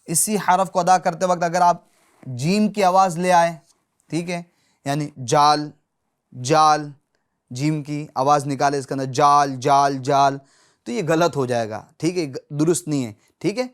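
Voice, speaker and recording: A man teaching Quran recitation who says each letter sound slowly and loudly, again and again, and stops often to check that his students are following. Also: a little high. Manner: patient, checks in often with short confirmations. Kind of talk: Urdu lesson on pronouncing Arabic letters.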